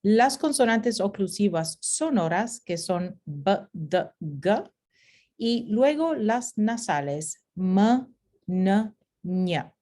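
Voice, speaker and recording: A woman talks through a recorded slide lesson at an unhurried, careful pace. She says sounds one by one and repeats them for practice, now and then moving into English. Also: mid-range voice, expressive, mellow. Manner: slow, deliberate, repeating sounds for drill; switches between Spanish and English. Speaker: teacher.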